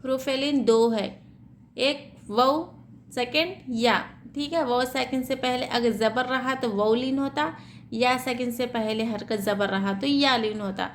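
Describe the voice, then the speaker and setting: A woman teaching tajweed, spelling out letters slowly and explaining the reading rules, checking in with "theek hai" as she goes. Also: on the high side, slight background noise. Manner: slow, drawn-out syllable-by-syllable spelling.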